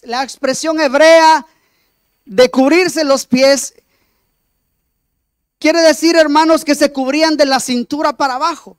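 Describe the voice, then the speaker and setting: Male lay preacher, emphatic sermon delivery, high voice, dry close sound. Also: no room sound. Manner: emphatic, frequent direct address to the congregation; rhetorical repetition of words.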